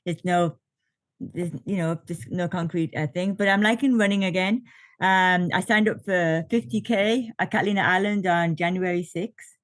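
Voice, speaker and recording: A woman's voice: fairly low pitch, moderate pace, no echo. A woman in her late fifties, a podcast guest, chatting casually and laughing often, with lots of fillers, over a video call. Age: 50s. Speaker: podcast guest, ultra triathlete. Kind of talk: casual interview chat.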